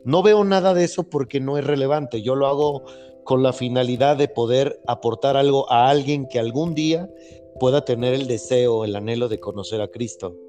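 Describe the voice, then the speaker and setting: A man hosts a faith podcast in an earnest, rambling way, circling back and restarting his sentences. His voice sits at an ordinary middle pitch. Soft music plays faintly behind him. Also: normal speed. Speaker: podcast host. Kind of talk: casual faith-based podcast conversation.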